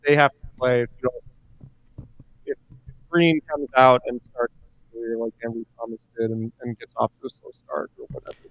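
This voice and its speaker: A man's voice: mid-range voice, fairly even intonation, a little fast, pauses often, no echo. A man co-hosting a casual chat, rambling with fillers, heard through a muffled headset mic that sounds like it's underwater. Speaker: podcast co-host.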